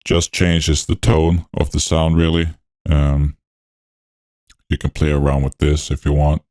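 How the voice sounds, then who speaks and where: Guy using a voice changer, super low and flat, laid-back tutorial talk, dry sound. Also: a little slow, no echo. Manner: laid-back and technical, with frequent fillers. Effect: voice changer deepening his voice. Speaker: music production tutorial host. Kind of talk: walkthrough narration over a screen recording.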